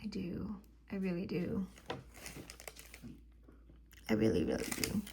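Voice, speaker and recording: A woman's voice: on the low side, very animated, slow pace, vocal fry, background noise. A married woman chatting casually at home in a crafting vlog, rambling with lots of fillers. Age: adult, married. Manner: rambling, warm-hearted, filler-heavy. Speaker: crafting vlogger. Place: home living room.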